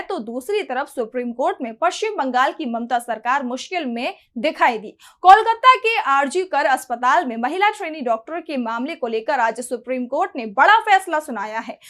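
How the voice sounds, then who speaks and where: A woman presents the news in a high-pitched voice. She anchors from a script, setting up each report with rhetorical questions. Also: fairly bright tone.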